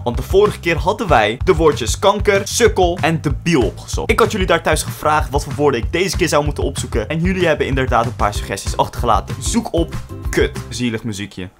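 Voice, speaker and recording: A young man in his late teens, a YouTuber casually joking and swearing as he talks to his viewers. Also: medium pitch. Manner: animated, joking, playfully swearing. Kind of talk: casual vlog, reading comments aloud.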